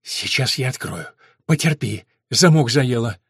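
A man voicing a frightened young man who speaks hoarsely with a trembling voice. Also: medium pitch, animated, a little slow, no room sound, studio quality, voice pushed down, heavily acted.

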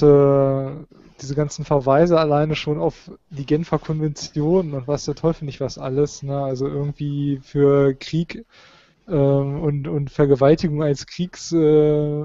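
A man's voice: on the high side, little pitch movement, normal speed, mellow, no room sound. A man co-hosting a casual talk show, rambling sarcastically with many fillers. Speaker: podcast co-host. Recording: dull lo-fi sound.

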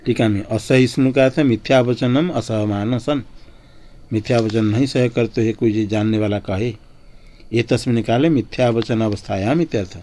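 Mellow-voiced man explaining Sanskrit scripture. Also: mid-range voice, normal speed. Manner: recites Sanskrit then explains in Hindi. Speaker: teacher of scripture. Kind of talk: Sanskrit commentary lesson. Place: ashram class.

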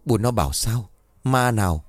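A man voicing a greedy, scheming old village landlord who covers his fear with gruff bluster. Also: on the low side, animated, normal speed, faint music behind.

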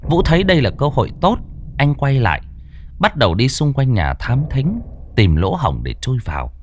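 A man's voice: mid-range voice, wildly swooping pitch, normal speed, a little hiss or hum. Dramatic male horror-story narrator.

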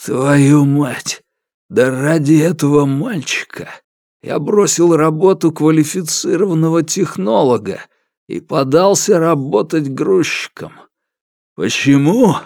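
A drunk, desperate father whose voice climbs well above normal speaking pitch, hoarse and breathless as he pushes words out. A man acts him out in a dry, close reading. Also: takes it slowly, no room sound. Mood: bitter.

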